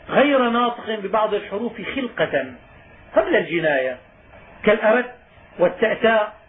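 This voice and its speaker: A man with a high voice teaches a class, reading a passage from a legal book and then explaining it in plain words, stressing each point. The sound is thin and phone-like, with a faint hiss behind him. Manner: reads a line of the text, then explains it in colloquial speech, with rising emphasis. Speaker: teacher of Islamic jurisprudence. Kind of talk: explaining a legal text in a lesson.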